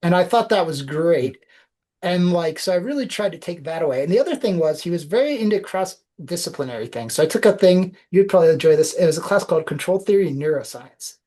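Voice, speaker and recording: A woman's voice: lowish voice, expressive, quick pace, dark tone. A woman guest on a podcast, telling reflective anecdotes in a casual interview.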